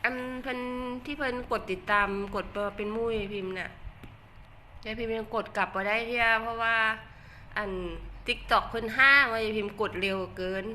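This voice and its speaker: A woman's voice: on the high side, steady tone, moderate pace, sharp tone, a little hiss or hum. An older woman with an Isan Thai accent, chatting casually on a livestream, laughing often and joking about herself. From Northeast Thailand. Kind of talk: casual livestream chat reading comments.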